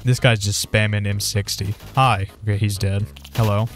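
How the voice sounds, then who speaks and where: A man giving casual gameplay commentary, his voice strained as he is losing it, rambling and reacting loudly to surprises. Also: on the low side, little pitch movement, moderate pace. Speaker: gaming video creator.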